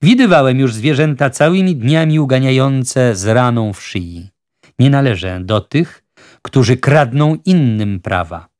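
A man's voice: medium pitch, lively intonation, measured pace, a little mellow, dry recording, studio quality, lightly acted. A man voicing a proud, stubborn old frontier hunter who grumbles with indignation. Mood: stern.

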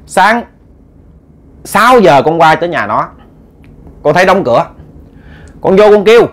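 A man's voice: high voice, voice pushed up. A man with a Southern Vietnamese accent voicing an agitated younger village man who stammers out an indignant complaint. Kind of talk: storytelling voice acting.

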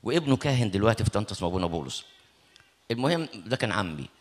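A middle-aged man with an Egyptian Arabic accent, a priest telling a story in a sermon, animated and acting out the people he quotes. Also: lowish voice, racing.

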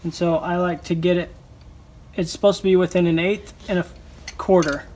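A man's voice: high voice, steady tone, moderate pace, darkish tone. A man in his thirties casually explaining his plumbing work in an unfinished room, plain-spoken and practical with folksy grammar. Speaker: DIY home builder. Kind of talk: casual how-to explanation while working. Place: unfinished framed room indoors. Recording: noisy room recording.

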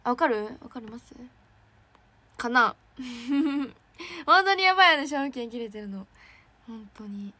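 A young woman, an idol trainee, chatting casually on a livestream and reacting excitedly to fan messages. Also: sits high, measured pace, pauses often, no echo. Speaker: idol trainee streaming to fans.

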